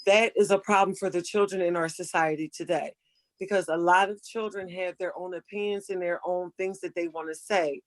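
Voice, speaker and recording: An older woman in casual conversation, giving earnest, motherly advice and slowing down to stress her points. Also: lowish voice, steady tone, no room sound. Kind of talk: casual chat.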